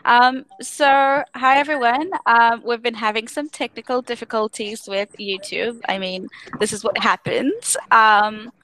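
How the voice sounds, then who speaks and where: A woman's voice: a little high, steady tone, a little slow, a bit bright. A young woman from Tanzania giving earnest personal testimony on a live stream, with many "um"s and restarts. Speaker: activist speaker on a live stream.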